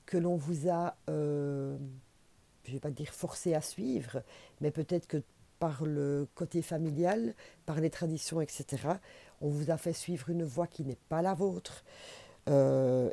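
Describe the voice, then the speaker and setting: A woman with a low, dark voice and a Belgian French accent gives a chatty, encouraging oracle card reading to camera, repeating herself for emphasis. The recording has no room sound.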